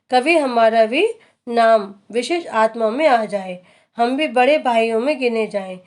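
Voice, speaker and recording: A woman reading a daily spiritual discourse aloud in a measured, earnest, instructive way. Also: a little high, darkish tone. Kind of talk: slow devotional reading.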